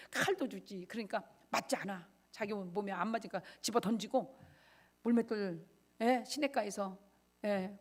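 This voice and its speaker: A woman pastor preaching a sermon with great intensity. She swings between loud ringing exclamations and quiet asides, and acts out quoted lines in dramatic voices. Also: mid-range voice.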